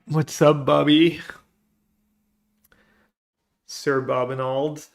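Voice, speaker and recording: Streaming a card game, this man chats casually with his audience and reads their messages while thinking through each move aloud. His pitch is on the high side, his delivery flat and creaky, with words drawn out.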